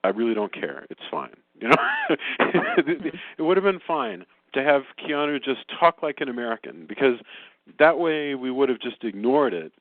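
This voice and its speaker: A man hosting a casual film review podcast, talking in an animated, rambling way with many restarts. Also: mid-range voice, moderate pace, no room sound. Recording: phone-like remote call line.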